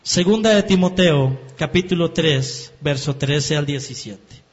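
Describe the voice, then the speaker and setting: A man preaching his testimony in a sermon, turning emotional and rising to shouts at the peaks. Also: a little high, measured pace. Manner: emotional, rises to shouting at climaxes. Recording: dull sound in a reverberant hall.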